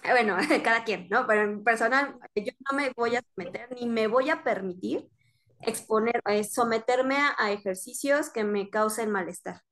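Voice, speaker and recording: A woman's voice: a little high, moderate pace, a bit bright. A woman giving advice in a casual podcast chat, talking with many fillers and self-corrections.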